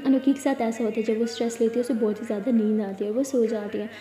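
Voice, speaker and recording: High-voiced woman narrating in a roomy echo. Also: fairly even intonation, fast, warm tone. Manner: chatty, conversational. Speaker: storyteller. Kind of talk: casual storytelling narration.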